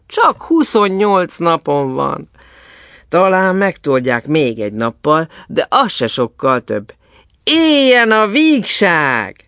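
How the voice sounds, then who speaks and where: A man voicing February, a merry young prince of carnival who loudly proclaims his love of fun. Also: fairly high pitch, sing-song, creaky, dry recording, clean studio sound, pitched above the performer's own voice, exaggerated voice. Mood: exuberant. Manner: loud, exuberant, proclaiming.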